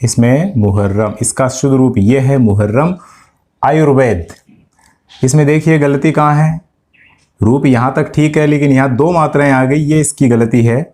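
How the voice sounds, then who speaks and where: A man's voice: mid-range voice, normal speed, a little mellow. A man teaching an exam-prep grammar lesson, explaining corrections step by step and asking his students questions. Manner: addresses students directly.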